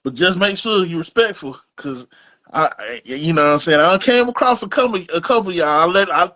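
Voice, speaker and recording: A man co-hosting a casual barbershop-style sports podcast, his speaking voice sitting fairly high. He rambles and restarts his sentences, circling back to his points in easy chat. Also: lively intonation, fairly quick, bright, forceful tone. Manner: loose, rambling, restarts and trails off. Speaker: podcast co-host.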